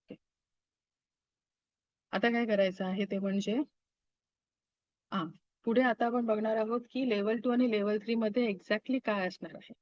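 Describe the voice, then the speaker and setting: A woman's voice: medium pitch, steady tone, no echo. A woman teaching a Reiki class over a video call, often checking in with her students and slipping English phrases into her speech. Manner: asks the class quick check-in questions. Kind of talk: online class lecture. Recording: dull, dry video-call audio.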